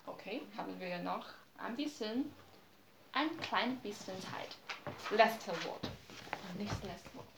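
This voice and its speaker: Patient woman teacher, middle pitch, repeats each phrase, roomy classroom sound. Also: lively intonation, takes it slowly, gravelly, background noise. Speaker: language teacher. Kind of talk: classroom language lesson.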